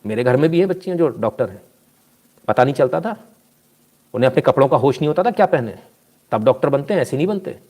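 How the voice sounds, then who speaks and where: A man talks through viewer comments in a casual live stream. His delivery is animated and scolding, and he drifts into personal anecdotes. His voice sits at an ordinary middle pitch. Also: fast talker, long pauses.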